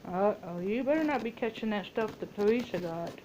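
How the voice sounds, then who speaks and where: A woman's voice: medium pitch, expressive, fairly quick, warm tone, slight background noise, poor audio. A woman in a casual, rambling phone chat, telling stories and quoting herself and other people as she goes. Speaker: vlogger making a phone call.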